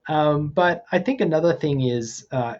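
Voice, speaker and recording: A man's voice: fairly high pitch, normal speed, a little mellow, lo-fi sound. A man of forty from Australia, talking casually as a podcast guest, thoughtful and hesitant with many ums and restarts. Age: 40s. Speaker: guest, VFX artist.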